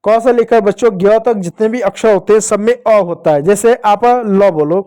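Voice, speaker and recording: Mellow-voiced man teaching children to read. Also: sits high, clean tone. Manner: slow, drawn-out pronunciation drills with repeated checks; asks questions and answers them himself. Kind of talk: children's Hindi reading lesson.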